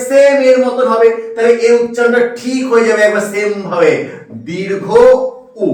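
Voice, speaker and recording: Give me a male teacher with a raised voice, heard from a distance in a very echoey room. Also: sits high. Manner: repetitive, quizzing the viewer. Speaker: Bengali language teacher. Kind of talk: explanatory online lesson. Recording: echoey room, mic far off.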